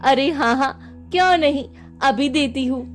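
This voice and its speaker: A woman's voice: high voice, unhurried, soft background music. Tuntun Mausi, a woman doing a fussy old pickle seller. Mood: pleased. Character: old village woman who sells pickles, bewildered.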